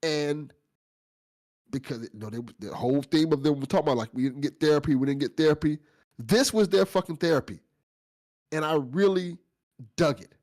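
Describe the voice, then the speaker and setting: A man hosts a casual after-show discussion for a fiction podcast, heaping informal, effusive praise with some light swearing. His voice is on the high side and darkish in tone, fairly quick but broken by long pauses.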